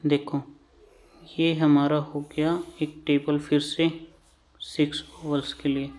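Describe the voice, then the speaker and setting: A man's voice: a little high, level tone, slow pace, a little mellow. A man with an Indian English accent teaching shorthand vowels, patiently repeating each term while he writes. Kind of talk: slow classroom lesson at a board.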